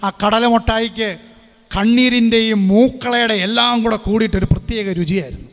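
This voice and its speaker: A man preaching an impassioned convention sermon, telling a story and acting out its dialogue, with shouted hallelujahs. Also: very high-pitched, fairly even intonation, moderate pace. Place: large retreat centre hall. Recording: long hall reverb.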